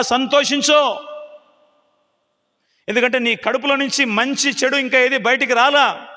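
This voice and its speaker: Pastor guy preaching live, high bright voice, lots of rhetorical questions, big echoey hall. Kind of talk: live Telugu sermon. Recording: live hall with long reverb.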